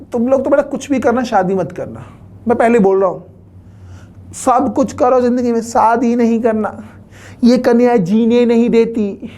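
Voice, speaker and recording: A man's voice: very high-pitched, warm tone. A man teaching chemistry to a class in a joking lecture, teasing the students and making playful mock threats.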